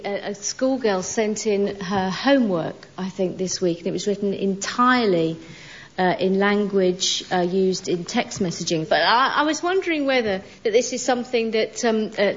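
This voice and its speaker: A woman on a comedy quiz panel, chatting in a giggly, hesitant way. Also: mid-range voice. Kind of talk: casual chat. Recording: dull broadcast audio.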